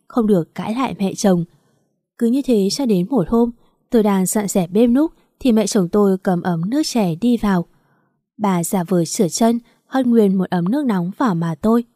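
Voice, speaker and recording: Woman storyteller, mid pitch, mellow, dry close mic. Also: dry recording. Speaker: narrator. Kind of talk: first-person story reading.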